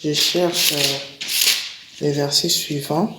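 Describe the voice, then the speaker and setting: Halting woman preacher in an echoey room. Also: low voice, fairly even intonation, heavy background noise. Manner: halting, repeats and restarts words, reads verses slowly. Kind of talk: spoken testimony with scripture reading. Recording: roomy echo.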